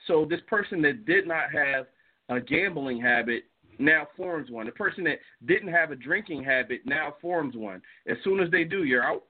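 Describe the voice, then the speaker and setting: Male podcast host, slightly high, halting and laughing, phone-quality audio. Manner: laughing, halting with many restarts. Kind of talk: casual podcast chat. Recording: tinny phone-like line.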